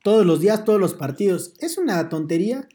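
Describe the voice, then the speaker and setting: A man's voice: high-pitched, lively intonation, brisk, dark tone. A man with a Mexican accent, co-hosting a podcast and speaking directly to viewers in casual, chatty talk. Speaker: podcast co-host. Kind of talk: casual chat.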